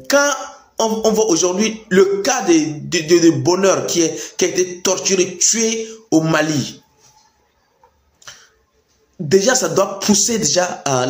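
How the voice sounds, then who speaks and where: A man gives impassioned, informal political commentary, emphatic and repeating phrases for stress. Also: sits high. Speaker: political commentator addressing youth. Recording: echoey room.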